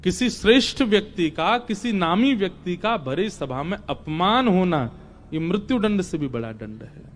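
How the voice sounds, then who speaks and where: A man telling a devotional scripture story as a sermon, animated and dramatic, sometimes chanting verses. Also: high voice, unhurried, a little hiss or hum. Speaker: religious storyteller.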